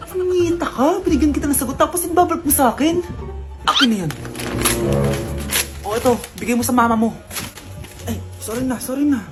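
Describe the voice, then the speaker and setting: A woman's voice: high voice, moderate pace, pauses often. A woman acting out comedic skits in a playful, teasing, mock-angry way. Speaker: comedy skit creator. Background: background music.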